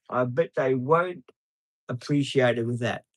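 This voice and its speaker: A man's voice: medium pitch, slow, no room sound. Rambling man in his fifties. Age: 50s. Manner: rambling and chatty, many ums, answers viewers by name. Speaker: live streamer. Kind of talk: casual live stream chat. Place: outdoors beside traffic.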